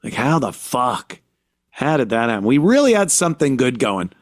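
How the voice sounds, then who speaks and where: A man from the United States hosting a podcast, talking alone in an indignant rant full of halting restarts. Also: medium pitch, big pitch swings, dry recording, clean studio sound. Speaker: podcast host. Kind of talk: podcast monologue.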